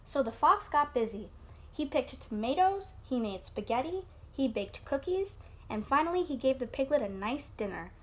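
A woman teacher reads a children's story aloud over an online class, her voice rising and falling with an expressive storyteller's lilt. She sits a little higher than most women and keeps the telling bright and animated. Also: normal speed, slight background noise. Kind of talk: reading a picture book aloud to a child. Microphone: computer mic on an online class.

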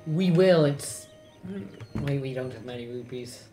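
An unhurried, mellow, mid-range voice belongs to a gamer sharing a controller, bantering playfully and sarcastically as they play. The room echoes, with video game music and sounds running behind.

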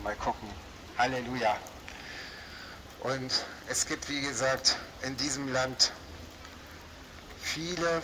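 With a voice that's a little high, this Berlin native preaches fervently in the open air, his speech colored by a light Berlin German accent and peppered with "ja" and "Halleluja." He stands beneath a small roof on a shopping street while it rains. A small loudspeaker carries his words over the noisy street.

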